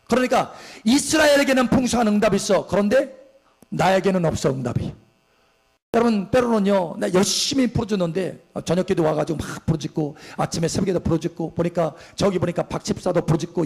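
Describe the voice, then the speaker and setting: Male pastor, sermon in church. Lively, swooping delivery, gravelly edge, quizzes his flock. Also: sits high. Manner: asks the congregation questions and answers them; emphatic, swings from soft to loud.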